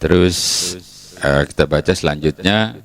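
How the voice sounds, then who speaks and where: A male pastor, giving a relaxed, conversational sermon in a church. His voice sits very low, and he talks at an unhurried pace while slipping into acted quotes. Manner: chatty, conversational, acts out quotes. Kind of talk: casual sermon.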